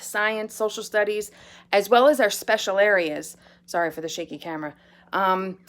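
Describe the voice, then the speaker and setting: A woman's voice: medium pitch, fairly bright tone. A woman speaking as a school principal, giving an earnest, upbeat morning address to children and their families. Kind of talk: morning announcement video address to pupils and parents.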